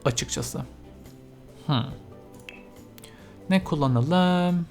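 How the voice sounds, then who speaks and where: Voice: mid-range voice, very slow, darkish tone. A let's-player chats through a game session in a mid-range voice, talking straight to the characters and exclaiming often. English game terms slip into the commentary, with faint game music underneath. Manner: chatty, talks to game characters, frequent exclamations. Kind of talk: casual let's-play commentary.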